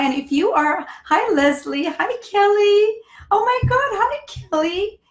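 Hoarse with laryngitis, a dating coach and show host chats with viewers on her live dating-advice stream, her speech full of fillers and restarts. Her voice is on the high side, and the audio is poor, with an echoey room.

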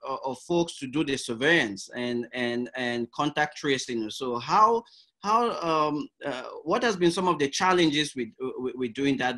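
A man interviewing a health official, asking long, halting questions full of fillers. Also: a little high, fairly bright tone.

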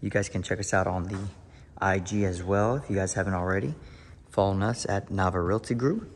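A low-pitched man speaks a little fast while giving viewers a casual vlog tour of an empty new house, then moves to its covered back patio and starts preaching in an upbeat, hyped way. There's a little hiss or hum in the recording.

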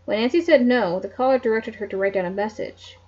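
A woman reads a mystery novel aloud in an easygoing way, now and then stumbling and restarting a word. Her voice is breathy and husky and sits a little high. The lo-fi recording sounds muffled and dull. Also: fairly quick, darkish tone. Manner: reads with small slips and restarts, asides. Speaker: reader. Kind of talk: casual read-aloud of a novel.

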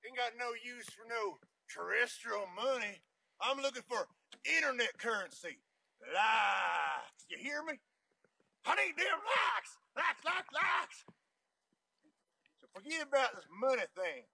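Brief: high, bright, twangy old prospector, wheedling and greedy. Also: male voice, animated, normal speed, heavily acted. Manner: wheedling, then indignant shouting. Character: scheming old male prospector craving online likes.

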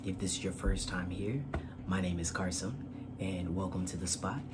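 This man's voice sits low, with fairly even intonation at a normal speed, and the background noise is heavy. Hosting a children's storytime with courtesy, he reads aloud and makes channel chat.

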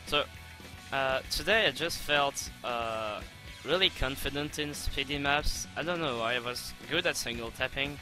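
A young man commenting on his own gameplay replay, excitable and swearing, with lots of stumbling restarts, on a home desk mic. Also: mid-range voice, measured pace, music in the background. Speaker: gaming channel host.

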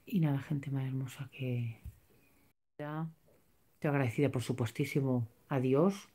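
Her voice is rumbling low, mellow and slightly rough, and she takes her time. On an emotional, casual livestream she reads comments from viewers, acting theatrical and exaggerated as she cries and laughs.

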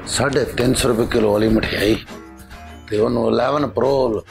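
A man's voice: medium pitch, steady tone, normal speed, creaky, faint music behind, voice pushed down, natural voice. A man playing a pompous fake holy man in a comedy sketch, with a Pakistani Punjabi accent and mock-mystic chanting.

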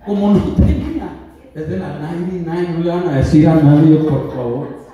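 A man preaching a lively sermon, joking with the congregation and raising his voice to shout. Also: a little high, normal speed, dull audio. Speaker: pastor. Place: church hall. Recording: echoey church from far off.

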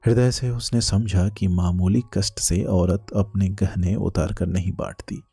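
Deep gravelly male audiobook narrator. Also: fairly even intonation, measured pace, dark tone, no echo, faint music behind. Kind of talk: novel reading.

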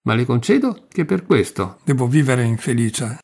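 A man reading the part of a passionate, blunt young man, with a gravelly voice. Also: mid-range voice, expressive, moderate pace, a little mellow. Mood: fervent. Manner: fervent, blunt. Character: passionate young male zealot. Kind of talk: audiobook reading.

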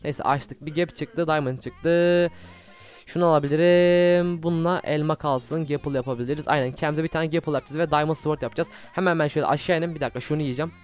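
A young man commentating his own video game play, excitable and easily frustrated, swearing often. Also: fairly high pitch, fast, smooth, faint music behind. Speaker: gaming YouTuber. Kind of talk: Minecraft gameplay commentary.

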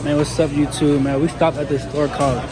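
A young adult male vlogger chats casually with viewers in a slangy, laid-back way, filming himself on a phone held at arm's length. His voice is fairly high with little pitch movement and a brisk pace. He starts in a car at night, then moves into a big, bright store, competing with loud music and a loud crowd.

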